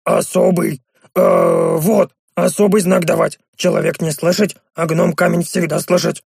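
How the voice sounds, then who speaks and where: A man voicing a fussy male dwarf who speaks in broken, gravelly phrases. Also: a little high, flat delivery, a little slow, darkish tone, dry recording, studio quality, voice pushed up, full character voice. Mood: explaining.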